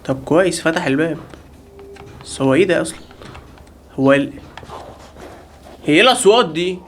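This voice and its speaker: شاب مصري بصوت عالي يعلق على لعبة رعب. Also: male voice, fairly high pitch, expressive, a little fast, slight background noise. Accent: Egyptian Arabic. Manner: panicky, yelling in bursts while being chased; jokey, talks to viewers and the game. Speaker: gaming channel host. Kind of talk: live horror game commentary.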